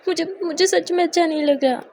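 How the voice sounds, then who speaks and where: A woman's voice: very high voice, brisk, a little mellow, slight background noise, voice pushed up. Woman voicing a tearful pleading young woman. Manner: pleading, breaking into sobs, stammering.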